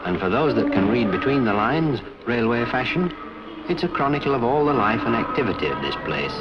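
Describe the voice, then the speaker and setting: A man's voice: medium pitch, sing-song, brisk, very noisy. A man narrating a scripted 1950s documentary as a railway official, in a conversational, wry storytelling way. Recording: dull 1950s film soundtrack with music.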